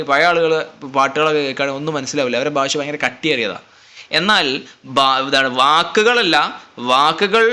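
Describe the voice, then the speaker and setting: Brisk, bright-voiced man teaching. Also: a little high. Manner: explains with questions he answers himself; reads English lines slowly then explains. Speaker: English tutor. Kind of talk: lecture to students.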